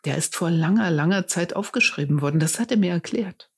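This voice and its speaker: A woman's voice: fairly low pitch, husky. Woman reading an earnest shepherd. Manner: slow, earnest storytelling. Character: earnest adult male shepherd telling news.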